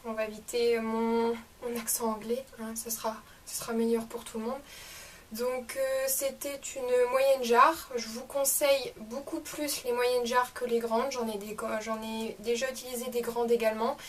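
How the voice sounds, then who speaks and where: Young woman vlogger, bright higher voice, chatty product review, mic a bit distant with faint hiss. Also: little pitch movement, moderate pace. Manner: chatty, enthusiastic, many fillers. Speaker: beauty vlogger. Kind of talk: casual product review vlog. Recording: slightly distant mic with faint room noise.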